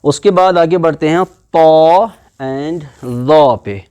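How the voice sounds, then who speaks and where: A man's voice: fairly high pitch, mellow, clean tone, dry recording, lo-fi sound. Patient man teaching Arabic letters. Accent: Pakistani Urdu. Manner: patient, explains letter by letter and stretches out sounds to demonstrate. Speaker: Quran teacher. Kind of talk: classroom video lesson.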